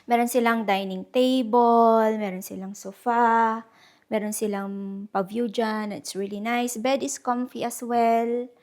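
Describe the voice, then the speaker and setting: A young female travel vlogger chats casually while walking city streets, switching between Tagalog and English and laughing often. Her voice is on the high side, steady, slow and a little mellow.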